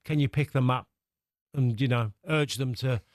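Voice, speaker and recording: Male pundit, medium pitch, dry sound, halting reflective conversation. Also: no room sound.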